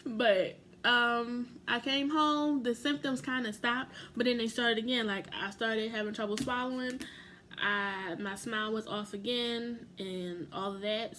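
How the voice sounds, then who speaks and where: A woman's voice: on the high side, fairly bright tone, slight background noise. A young woman telling a personal story to camera in a chatty, rambling way, full of "like" and self-corrections. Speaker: vlogger.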